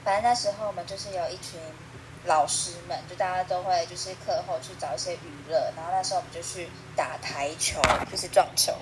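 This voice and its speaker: A woman's voice: on the low side, steady tone, fast, a crowd in the background, poor audio. A woman with a Taiwanese Mandarin accent, a guest in a casual chat, teasing the host with dry jabs.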